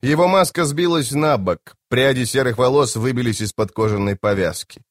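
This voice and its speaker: A man narrating a fantasy audiobook in a dramatic, expressive way. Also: medium pitch, moderate pace, no room sound, clean studio sound. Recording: home-made audiobook.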